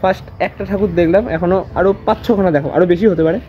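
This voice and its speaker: Fast-talking young Kolkata man vlogging. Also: high voice, steady tone. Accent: Kolkata Bengali. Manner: rapid chatty commentary, teasing friend. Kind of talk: casual walking vlog. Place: museum grounds in Kolkata, walking. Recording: dull lo-fi with music underneath.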